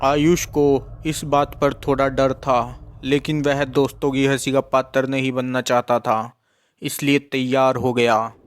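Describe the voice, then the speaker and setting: Slow, flat-voiced male horror storyteller. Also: medium pitch, background noise. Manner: slow, measured, suspenseful telling. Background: music.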